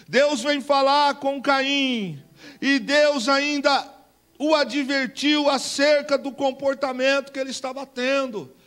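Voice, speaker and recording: High-voiced Brazilian preacher, emphatic. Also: male voice, steady tone, slow, fairly bright tone. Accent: Brazilian Portuguese. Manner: emphatic, colloquial, calls on the congregation. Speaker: pastor. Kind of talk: Pentecostal sermon.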